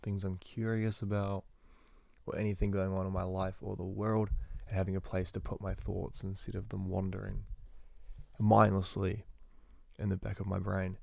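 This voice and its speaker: Young male student, deep monotone with gravel, quick rambling self-corrections, dry close phone recording. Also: no echo. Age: young adult. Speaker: university student vlogger. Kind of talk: casual spoken journal. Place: indoors at home.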